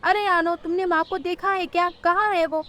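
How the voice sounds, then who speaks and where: A woman's voice: extremely high pitch, steady tone, normal speed, sharp tone, pitched above the performer's own voice. A woman voicing a caring young male bird, a son and husband who soothes and reasons with his family, in a cartoon story. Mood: concerned.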